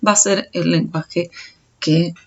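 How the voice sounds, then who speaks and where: A woman's voice: fairly low pitch, steady tone, slow, a little hiss or hum. A woman teacher giving a recorded audio lecture, explaining step by step and stumbling over restarts. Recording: dull lo-fi recording.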